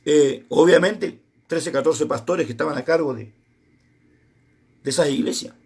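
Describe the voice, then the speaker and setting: A middle-aged Argentine man preaches in a strikingly high voice for a man. He tells a personal testimony as a sermon and acts out the conversations in it, voicing each side in turn. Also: unhurried, breathy edge. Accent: Argentine Spanish. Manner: storytelling, acting out both sides of dialogues.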